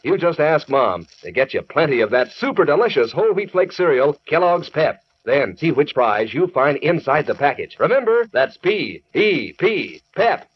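An American man pitching to children as an old-time radio announcer, chummy and enthusiastic. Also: sing-song, moderate pace, few pauses, husky. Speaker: announcer reading sponsor messages. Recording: dull vintage radio recording.

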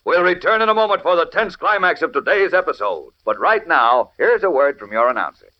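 Old timey radio announcer guy, kinda high voice, dramatic and urgent, muffled lo-fi sound. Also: lively intonation, brisk. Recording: dull lo-fi old radio recording.

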